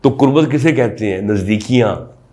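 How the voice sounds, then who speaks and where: A man's voice: lowish voice, normal speed. A man, a doctor giving an explanatory talk and leaning on rhetorical questions. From Pakistan. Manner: lively, emphatic, frequent rhetorical questions. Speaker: sexologist doctor.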